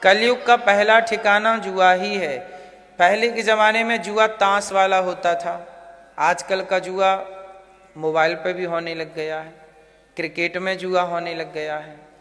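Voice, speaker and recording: A man preaching a devotional story in a high, bright voice. He speaks slowly, puts questions to the crowd and answers them himself. His voice rings with a long hall reverb, and soft music plays underneath. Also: fairly even intonation. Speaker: religious storyteller.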